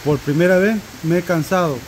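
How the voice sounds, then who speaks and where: A man, soft-spoken and slow, bantering with his wife. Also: sits high, slight background noise. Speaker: host's husband. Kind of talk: casual couple banter.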